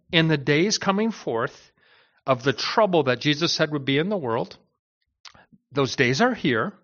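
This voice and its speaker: Man, pastor, sermon, earnest, rhetorical questions, fairly high voice, dull lo-fi recording. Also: a bit bright. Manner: earnest, asks rhetorical questions, frequent "right?".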